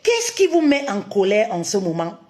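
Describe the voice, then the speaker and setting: A woman's voice: mid-range voice, very animated, normal speed. A woman relationship coach giving a live-streamed talk, cutting in with emphatic affirmations and posing many rhetorical questions to her listeners. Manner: addresses listeners warmly as "my queens", repeats key phrases.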